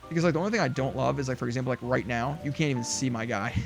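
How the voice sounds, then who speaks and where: A man's voice: medium pitch, very fast, creaky, faint music behind. A man streaming a farming game, chatting casually with lots of fillers and restarts. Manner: rambling, many fillers and restarts, chuckles. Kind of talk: casual gameplay chat.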